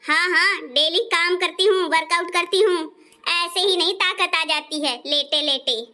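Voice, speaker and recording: A woman playing a loud, scolding older mother-in-law in a comic family skit. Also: very high-pitched, steady tone, a little slow, full character voice. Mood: boastful. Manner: scolding, shouting, insulting.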